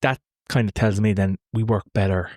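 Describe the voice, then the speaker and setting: Podcast host, man, lowish voice, thoughtful questioner, dry room. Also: normal speed, a little mellow, no room sound. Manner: thoughtful, probing, tentative phrasing. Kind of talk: interview questions.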